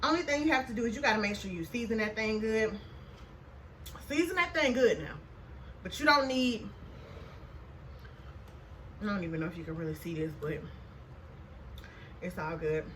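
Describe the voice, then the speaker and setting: A woman in her mid twenties with a bright, forward voice hosts a casual eating vlog. She talks with her mouth full, sassy and folksy, repeating her points for emphasis. Some room noise sits behind her. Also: mid-range voice, animated, moderate pace, pauses often, rough recording. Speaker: vlogger hosting a mukbang chat. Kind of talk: casual chat to camera while eating.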